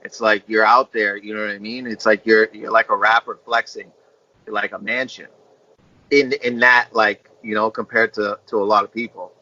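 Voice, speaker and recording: A man with a bright, forceful voice rambles and teases, piling up "like" and "you know" as he riffs over a video call. The audio is dull and lo-fi, like a home video chat. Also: on the low side, flat delivery, normal speed. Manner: rambling, teasing, heavy use of filler "like". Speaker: comedian. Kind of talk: comedic video-call banter. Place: indoor room at home.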